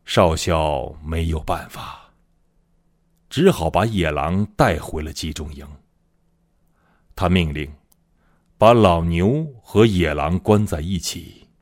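A man narrating a dramatic story in an expressive way, building up in the tense moments. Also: low voice, slow pace, long pauses.

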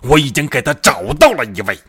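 A man's voice: sits low, big pitch swings, slow, breathy edge, dry recording, clean studio sound, heavily acted. A man voicing a furious, domineering one-eyed general in a told story, roaring his orders. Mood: wrathful. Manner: roaring, commanding.

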